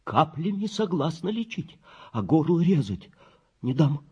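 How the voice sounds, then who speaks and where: A man's voice: fairly high pitch, very animated, a little slow, dark tone, slightly rough, dull audio, voice pushed up, full character voice. A man voicing a fretful old village grandmother who wails and nags in protest. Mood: pleading. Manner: wailing, nagging pleas.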